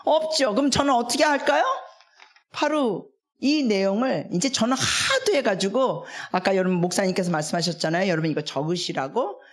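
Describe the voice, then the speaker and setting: A woman, a guest missionary, preaching a revival sermon as an animated storyteller who acts out the people in her stories and coaxes the congregation to respond. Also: medium pitch, moderate pace. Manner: animated, acts out quoted speech.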